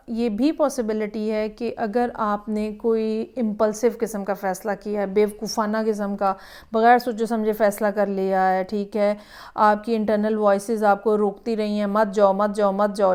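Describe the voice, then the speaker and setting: A woman's voice: medium pitch, a little mellow, smooth. A woman giving a weekly tarot horoscope reading, musing aloud and slipping English phrases into her talk. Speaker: tarot reader.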